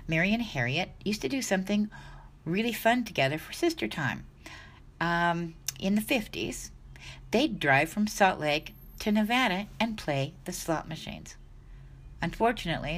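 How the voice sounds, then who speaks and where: This woman in her sixties has a low-pitched voice that's a bit bright. Talking casually to camera about dog health, she's chatty and rambling, often restarting sentences as she corrects herself.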